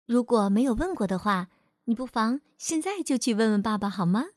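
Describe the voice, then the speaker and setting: A woman telling a storybook tale to small children in a gentle, coaxing way. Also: a little high, animated, brisk, no room sound, clean studio sound.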